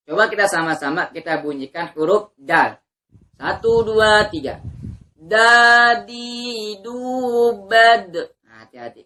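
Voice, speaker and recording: Woman Quran teacher, bright lowish voice, patient drills, slow chanted recitation. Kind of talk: teaching letter pronunciation to learners.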